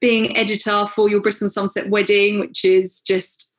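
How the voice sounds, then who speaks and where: A woman with an Essex accent talking casually as an interview guest, chatty and informal, quick to laugh. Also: medium pitch, little pitch movement. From Essex, England. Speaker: magazine editor, podcast guest.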